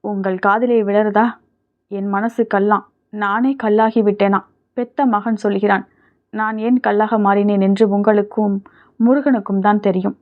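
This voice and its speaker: A woman's voice: mid-range voice, steady tone, normal speed, lightly acted. A woman voicing a grieving, strong-willed older widowed mother in an audiobook, speaking emotionally. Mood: anguished. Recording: tinny phone-like sound.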